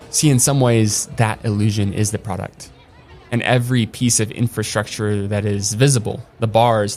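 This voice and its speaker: Guy narrating, earnest and deliberate, low-ish, music under him. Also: a little mellow. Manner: measured, earnest, emphatic. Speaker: podcast host. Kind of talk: scripted documentary narration. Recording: narration over clear music.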